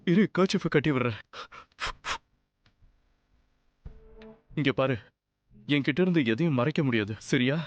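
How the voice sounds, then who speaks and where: A man's voice: medium pitch, lively intonation, fast talker, lo-fi sound, natural voice. A man voicing a caring, remorseful father figure. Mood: worried. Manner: gentle, coaxing, mixing English phrases into Tamil. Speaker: dubbing actor. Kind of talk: Tamil TV serial dub. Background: serial background music.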